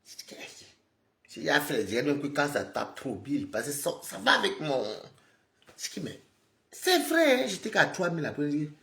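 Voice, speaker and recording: A man live streaming, scolding and lecturing his viewers in an animated, repetitive rant. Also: a little high, normal speed, creaky, roomy sound. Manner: scolding, animated, repeats himself, talks straight to viewers.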